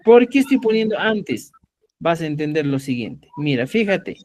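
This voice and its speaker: Guy teaching a live online class, pitch jumping all over, says "ya" constantly, talks through his computer mic. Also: moderate pace. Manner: lively, repeats "ya" and quizzes students. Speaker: Quechua teacher.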